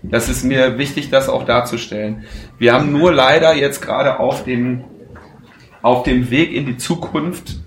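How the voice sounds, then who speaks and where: A man's voice: medium pitch, fairly even intonation, unhurried. A man answering audience questions after a talk, frank and hesitant, with many fillers. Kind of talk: conference Q&A answers. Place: lecture hall. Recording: echoey hall, faint noise.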